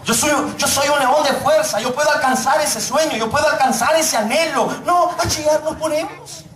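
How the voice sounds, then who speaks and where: High-pitched pastor preaching. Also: male voice, fairly bright tone, distant mic, a little hiss or hum. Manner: joking, calls out to the congregation, preaches slowly for emphasis. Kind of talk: sermon. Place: church hall. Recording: echoey church room, mic from afar.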